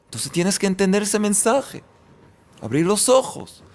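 A man's voice: high-pitched, very animated, unhurried. A man giving a spoken sermon as a rabbi, earnest and exhorting, sometimes acting out the voices of the people he quotes. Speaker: rabbi teaching on faith.

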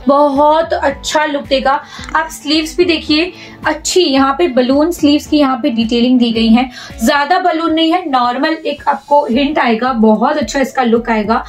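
A woman's voice: sits high, moderate pace. A young Indian woman presenting clothing in a shop with a chatty, persuasive sales patter, repeating words for emphasis. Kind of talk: product showcase sales pitch. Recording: voice a bit far from the mic, music underneath.

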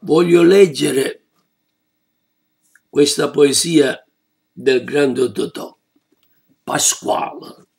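Older man, retired amateur performer, high-pitched, slow, homely home-video introduction. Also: gravelly, a little mellow, slightly rough.

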